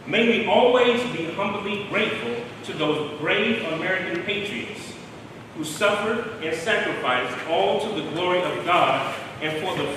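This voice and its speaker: A man giving a keynote speech in formal, measured oratory. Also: sits high, background noise. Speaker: keynote speaker. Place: large hall. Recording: echoey hall from far off.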